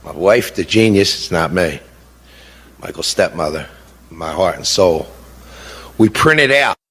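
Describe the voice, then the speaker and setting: A man's voice: deep voice, animated, unhurried, a bit bright, husky. Blunt, indignant middle-aged man. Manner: blunt and indignant, repeats words for emphasis, fires rhetorical questions. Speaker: interviewee, bereaved father. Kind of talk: impassioned spoken testimony.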